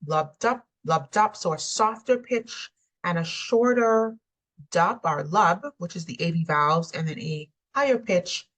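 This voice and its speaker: A woman's voice: on the low side, fairly bright tone, rough recording. A woman lecturing on anatomy, explaining steadily with frequent ums. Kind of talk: recorded lecture.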